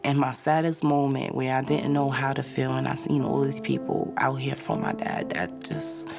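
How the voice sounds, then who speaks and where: A woman's voice: very deep voice, moderate pace, creaky. A woman in her twenties recounting a personal story in a conversational, emotional way, with frequent "like" fillers. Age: 20s. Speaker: interviewee. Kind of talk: personal testimony interview. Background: soft music bed.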